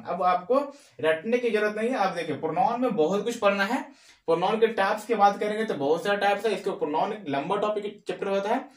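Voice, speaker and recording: High-voiced man teaching grammar, echoey. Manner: repeats key phrases slowly, asks and answers own questions. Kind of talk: classroom-style grammar lesson in Hindi. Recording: echoey room.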